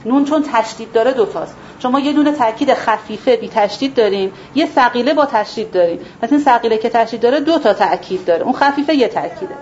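Higher-voiced woman teaching a Quran class. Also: lively intonation, few pauses, a little mellow. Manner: asks and answers her own rhetorical questions, repeats words for emphasis. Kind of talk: explanatory religious lesson to a class. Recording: dull lo-fi recording with faint background noise.

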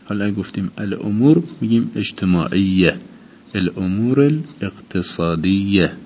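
A man teaching an informal vocabulary lesson, repeating each word slowly and explaining its meaning. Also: low voice, a little mellow. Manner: repeats words slowly and glosses them in Persian. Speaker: Arabic teacher. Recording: dull lo-fi recording with faint noise.

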